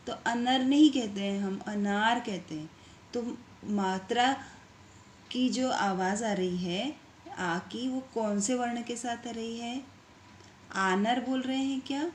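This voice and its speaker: Woman teacher, middle pitch, very slow and patient, drawn-out syllables for small kids, faint hiss on the line. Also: reverberant. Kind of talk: online class lesson.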